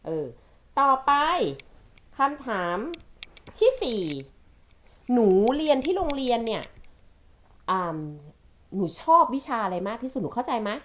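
A woman in her forties hosting a casual family vlog, animated and laughing often as she coaxes her daughter through questions. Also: fairly high pitch, measured pace, pauses often, a little hiss or hum. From Thailand. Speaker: vlog host, mother.

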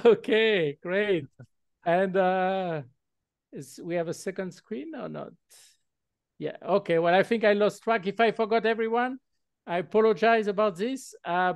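A man co-hosts an online meeting over a video call, talking with many fillers and restarts. His voice is high, with no room sound.

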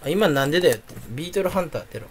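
A man's voice: on the high side, expressive, racing, a little hiss or hum. A man talking casually to camera about a new gadget he bought, rambling and joking to himself. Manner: rambling, jokey, talks to himself. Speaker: video creator. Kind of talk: casual unboxing chat to camera.

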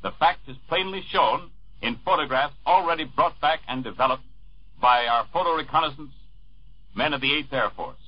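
A man reading war news as a radio newscaster in a formal, measured way, heard through an old 1940s radio broadcast recording. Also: a little high. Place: network radio studio. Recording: dull lo-fi 1940s radio archive.

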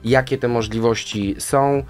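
A man's voice: medium pitch, fairly even intonation, unhurried, a little mellow, faint music behind. A man as a guest in a radio studio, explaining finances at length in a rambling way, often ending with a question tag. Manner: rambling, tags statements with "nie?". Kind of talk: radio interview answers. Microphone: studio boom mic.

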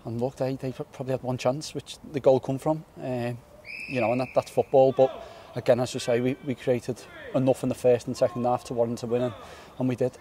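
A young man in his twenties, a footballer giving a post-match interview outdoors on a floodlit pitch at night, earnest and repeating words as he thinks. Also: level tone, brisk, hardly any pauses, dark tone, a little hiss or hum. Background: faint outdoor stadium ambience.

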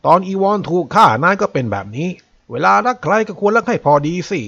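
A blunt, hearty middle-aged man, as a man puts him on in a storybook, quick to scold. He speaks loudly with a gravelly, husky texture, on a dull lo-fi track. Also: high-pitched, big pitch swings, pitched above the performer's own voice, heavily acted. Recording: dull lo-fi recording.

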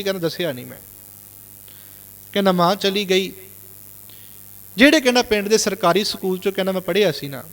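A male Sikh preacher from Punjab tells a moral story to his congregation. His voice sits high, and he keeps retelling what others said. A long hall reverb follows his words. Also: a bit bright. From Punjab, India. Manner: retells reported speech with constant "he said" tags. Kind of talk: storytelling sermon.

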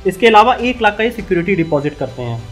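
A man's voice: high-pitched, very animated, soft background music. Young man explaining business with energy. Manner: brisk, addresses viewers as friends. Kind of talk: explainer video. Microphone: studio mic on desk.

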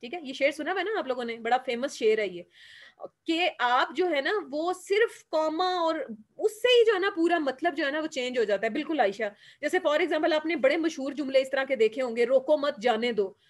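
Speaking at a normal pace with a high voice, a woman with a Pakistani Urdu accent lectures her class step by step. She poses questions to the students, answers them, and weaves English terms into her Urdu.

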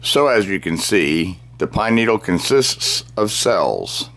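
A middle-aged man presenting a scripted science demonstration, speaking deliberately as if dictating, phrase by phrase. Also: low voice, very animated, a bit bright. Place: small cluttered indoor workroom.

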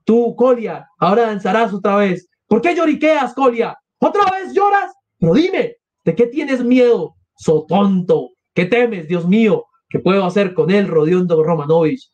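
A man voicing a frantic, consumptive noble mother, shrill and breathless. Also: very animated, a little slow, hardly any pauses, a little mellow, lo-fi sound, heavily acted. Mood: scolding.

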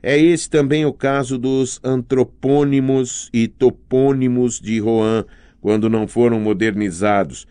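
Slow, measured Brazilian male narrator. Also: medium pitch, fairly even intonation, mellow, clean tone, no room sound, studio quality. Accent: Brazilian Portuguese. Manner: slow, careful reading that spells out sounds. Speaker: audiobook narrator. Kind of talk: scripted narration.

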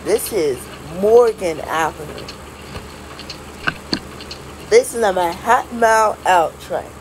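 A woman making recorded subway train announcements, stop by stop in a flat, measured announcer delivery. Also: mid-range voice, a little hiss or hum, low-quality recording.

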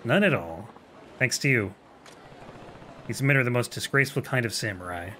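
A man voicing a calm, principled foreign warrior who speaks in an earnest, measured way. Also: mid-range voice, a little hiss or hum.

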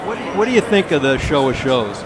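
A man's voice: mid-range voice, big pitch swings, brisk, over a noisy crowd. A man interviewing attendees at a large convention hall with a handheld mic, asking polite, brief questions. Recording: loud hall background noise.

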